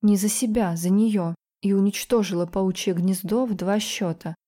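Woman with a mellow narrating voice. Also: mid-range voice, steady tone, moderate pace. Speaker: audiobook narrator. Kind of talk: scripted first-person fantasy narration.

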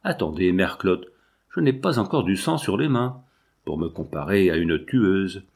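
A proud, desperate young noblewoman speaks in a harsh, hard voice, as a male audiobook reader puts her on. Her tone stays low and set. It is read as part of a storybook. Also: expressive, measured pace, gravelly, a little mellow, husky, heavily acted. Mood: fierce.

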